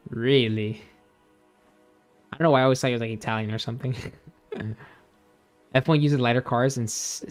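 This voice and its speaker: Brief: young male streamer, easygoing rambling chat, middle-pitched voice, faint music underneath. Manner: rambling, laid-back, many fillers and restarts. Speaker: gaming streamer. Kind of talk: casual chat while gaming, reading chat.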